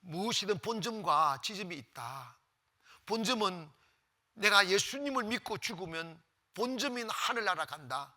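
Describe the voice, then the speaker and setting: Brief: man playing a serene, resolute pastor, soft and steady, at times almost whispered. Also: high voice, moderate pace, exaggerated voice. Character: calm male pastor facing death, serene.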